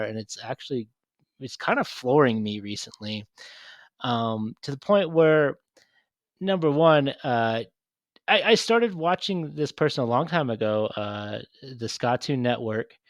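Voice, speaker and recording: A man's voice: medium pitch, no room sound. A man co-hosting a podcast, rambling in casual chat with many restarts and fillers. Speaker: podcast co-host.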